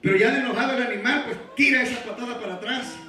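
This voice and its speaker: A male pastor preaching a sermon, moving from quiet storytelling to shouted exhortations and rhetorical questions. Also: extremely high pitch, racing. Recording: very echoey church hall, preacher far from the mic.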